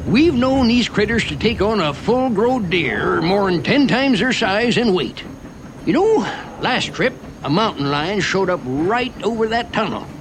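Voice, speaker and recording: A man's voice: high voice, big pitch swings, unhurried, noisy background. A man playing a folksy, wry Old West mining train guide, drawling in a rural Western American accent as he narrates a theme park ride. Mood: animated warning. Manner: drawling, folksy dialect with chuckles.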